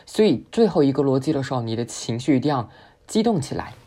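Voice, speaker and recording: A woman whose first language is Chinese, teaching an English speaking lesson and slowly modelling words for the listener to repeat. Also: rumbling low, big pitch swings, warm tone, husky. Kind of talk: spoken English pronunciation lesson.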